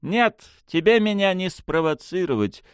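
A man's voice: high-pitched, animated, a little slow, clean tone, no room sound, clean studio sound, pitched above the performer's own voice. A man reading an audiobook, voicing a sly, mocking witch with a sarcastic drawl in a raised voice. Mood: ironic.

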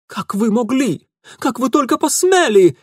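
A man reading an audiobook voices a jealous, hot-headed young man who shouts his outrage. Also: very animated, a little slow, slightly rough, dry recording, studio quality, exaggerated voice. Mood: furious. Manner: shrill and indignant.

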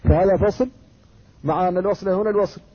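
A male scholar from Mauritania lectures in a measured, explanatory way, his voice set high with a husky, breathy grain. The recording is dull and lo-fi, as if the highs were shaved off. He moves steadily from rule to example like a patient teacher. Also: warm tone. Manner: measured, explanatory, reciting quoted verses and poetry. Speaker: Islamic scholar teaching Quran recitation. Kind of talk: classroom lecture.

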